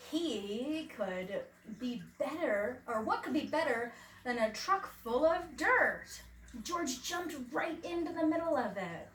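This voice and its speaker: Captured by a distant mic in a roomy space with faint background noise, a woman reads a children's picture book aloud as a preschool teacher. Her high, lively voice is expressive and dramatically emphatic, and she asks her young listeners questions.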